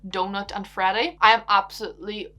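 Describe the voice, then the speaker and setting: A young Irish woman with a Donegal accent, chatting away to her camera in a cosy home vlog. She is bubbly and giggly, rambles happily and drops in the odd swear, in a voice of ordinary pitch for a woman. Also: flat delivery, brisk, pushed and bright. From Ireland. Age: young adult. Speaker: YouTuber answering viewer questions.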